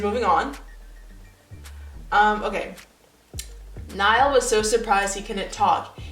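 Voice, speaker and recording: This is poor, reverberant audio of a nineteen-year-old woman with a mid-range voice reading her own old story. She interrupts the reading with sarcastic comments poking fun at herself.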